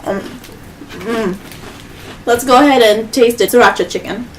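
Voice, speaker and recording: High-pitched woman doing a mukbang, slow easygoing talk, chewing pauses, faint background hum. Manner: playful, chatty, with chewing pauses. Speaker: mukbang host. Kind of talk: casual chat while eating.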